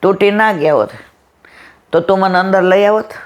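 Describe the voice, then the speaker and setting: A woman quoting a kindly, devout elderly woman pilgrim who speaks gently in broken Hindi. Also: medium pitch, moderate pace, dull audio, close to an everyday voice. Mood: pleased.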